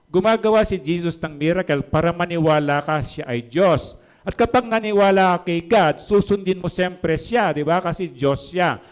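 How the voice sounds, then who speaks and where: A man preaching a sermon, switching between quiet storytelling and loud, high-pitched emphasis. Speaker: pastor.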